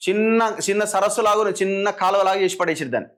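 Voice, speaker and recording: A man's voice: sits high, fast talker, fairly bright tone. A man with a Telangana Telugu accent giving opinionated political commentary, firing sarcastic rhetorical questions.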